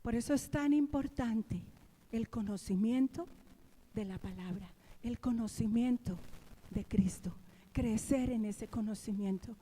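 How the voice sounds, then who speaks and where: A woman's voice: on the high side, a little slow, dark tone. A woman from Colombia, a pastor, preaching a sermon in church, asking the congregation questions and repeating key lines. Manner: preaching with call-and-response questions and repeated refrains. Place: church sanctuary. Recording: long reverb of a church hall.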